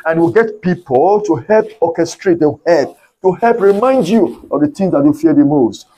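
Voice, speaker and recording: Husky-voiced man preaching a sermon. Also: a little high, animated, normal speed, warm tone, rough recording. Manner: repetitive, emphatic preaching. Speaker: pastor.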